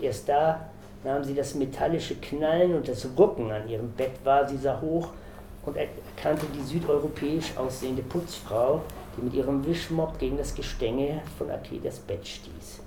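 Man reading a novel, gravelly voice, dark tone, echoey room. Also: medium pitch, moderate pace, slight background noise. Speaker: reader.

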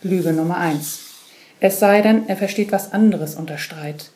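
A woman narrating a literary story in a quiet, measured way. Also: fairly low pitch. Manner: quiet, measured second-person telling. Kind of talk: literary reading.

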